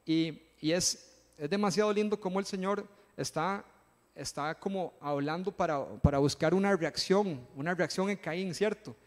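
Man, preacher, high voice, casual sermon, slangy asides, long church reverb. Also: moderate pace. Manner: casual, acts out Bible figures in slang. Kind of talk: conversational sermon. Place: church hall.

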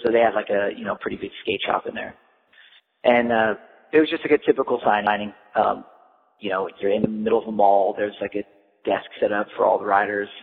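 A man's voice: on the low side, fairly even intonation, fairly quick, creaky, long reverb tail. Casual male storyteller, loose and rambling, heard through a tinny phone-like line. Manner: rambling, full of "like" and "you know". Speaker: storyteller recounting a trip.

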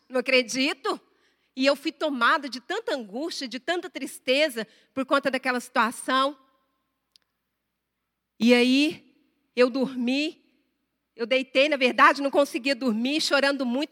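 Woman preacher, fervent sermon, high voice, echoey church hall. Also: sharp tone. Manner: fervent, emotional, addresses the congregation directly. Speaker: preacher giving testimony to a church.

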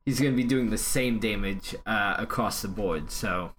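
A man's voice: fairly low pitch, normal speed, a bit bright. Man hosting a casual podcast, noisy background. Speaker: podcast host. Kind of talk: casual gaming discussion.

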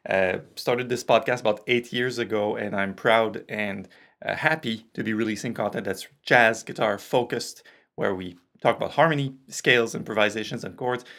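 A man's voice: lowish voice, moderate pace, creaky, fairly bright tone. A man with a French Canadian accent, hosting a casual jazz guitar podcast lesson, his voice strained from a cold, chatty and explanatory. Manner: chatty, explanatory, with occasional "uh" and restarts.

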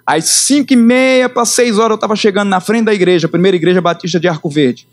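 A middle-aged man, preaching his conversion testimony with emotional storytelling that swings in pitch and slows for emphasis. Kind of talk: sermon testimony.

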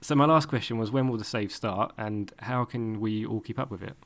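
A man's voice: fairly low pitch, fairly quick. A man with an Essex accent, chatting casually as a podcast host and interviewer. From Essex, England.

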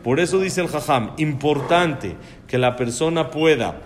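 A man's voice: on the high side, animated, measured pace, a little hiss or hum. A man teaching a religious lesson on prayer, posing questions and answering them himself. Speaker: Torah teacher.

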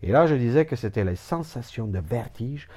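A man's voice: mid-range voice, animated, normal speed, a little mellow, slightly rough. A man giving a comic mock lecture, rambling, repeating words and stumbling playfully over them.

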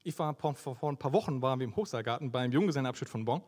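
A man's voice: mid-range voice, racing. A young man preaching a conversational sermon, asking his listeners questions as he goes. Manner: lively, conversational, asks the audience questions.

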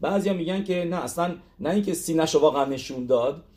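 A man's voice: on the high side, darkish tone. A man teaching a religious text lesson, explaining step by step with frequent hesitations and fillers.

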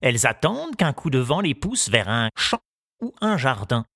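A man's voice: medium pitch, sing-song, pushed and bright, husky, no room sound, studio quality, pitched above the performer's own voice, full character voice. Give me a man doing a kindly old gardener. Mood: confiding. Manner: slow, musing, confiding. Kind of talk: audiobook character reading.

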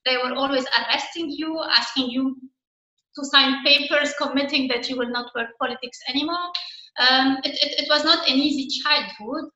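A woman's voice: high-pitched, fairly even intonation, normal speed, sharp tone. A woman, telling her story earnestly as a guest in an online interview. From Lebanon. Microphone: video call. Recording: echoey, dull online call audio.

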